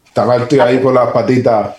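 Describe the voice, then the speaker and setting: A man's voice: medium pitch, steady tone, fast, darkish tone. A man chatting on a podcast, throwing in jokes and silly tangents. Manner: joking interjections and silly tangents. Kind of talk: casual chat.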